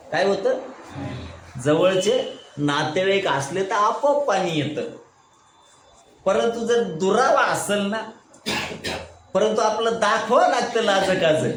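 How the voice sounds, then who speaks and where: A man with a high voice preaches at a slow, deliberate pace, putting questions to the congregation and answering them himself. He recorded in an echoey room with clear background noise. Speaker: pastor. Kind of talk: Bible study sermon with call-and-response questions.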